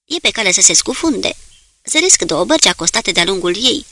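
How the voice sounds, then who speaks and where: A woman voices a calm, stern male submarine commander who gives clipped, firm orders. Her mid-range delivery is exaggerated, with no echo.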